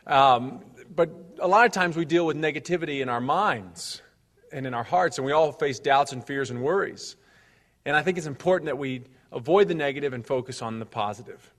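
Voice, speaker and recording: A man's voice: on the high side, a little fast, a bit bright. A man giving a motivational speech to a live audience, upbeat and joking, drawing the crowd into call-and-response. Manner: upbeat, joking, gets the audience to repeat phrases. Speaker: motivational speaker. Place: large hall with an audience. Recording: long hall reverb.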